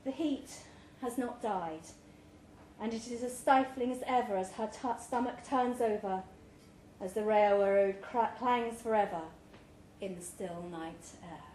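In a mellow, mid-range voice at a measured pace, a woman performs a short story for a live crowd, expressively voicing its dialogue. The setting is an indoor pub event room, captured in a roomy live recording with background noise.

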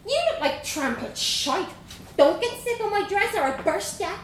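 A woman's voice: extremely high pitch, lively intonation, moderate pace, voice pushed up. A woman voicing a brash, bossy little girl in her communion dress, with a crude, cheeky way of talking. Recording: echoey room, faint noise.

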